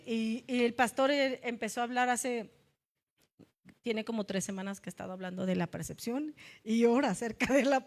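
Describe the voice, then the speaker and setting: Emotional high-voiced woman preaching. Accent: Mexican Spanish. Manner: emotional, confessional, addresses brothers and sisters. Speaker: church speaker. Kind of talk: testimony sermon. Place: church meeting room.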